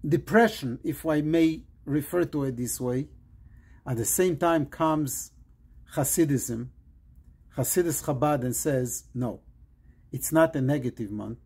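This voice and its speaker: A man from Morocco, a rabbi, giving an earnest pre-Shabbat sermon in short, measured phrases. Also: fairly high pitch, a little mellow, slightly rough.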